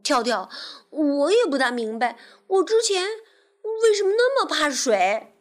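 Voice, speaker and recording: A woman's voice: sits high, big pitch swings, a little slow, pitched above the performer's own voice. A woman voicing a timid, earnest little boy rabbit in a children's storybook, talking breathlessly. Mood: puzzled.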